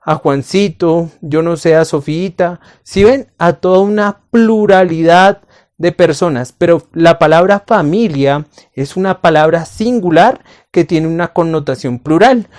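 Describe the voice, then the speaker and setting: A man teaching a Bible lesson to camera, patient, calling the listener his friend and asking rhetorical questions, slowing on key phrases. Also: fairly high pitch, darkish tone.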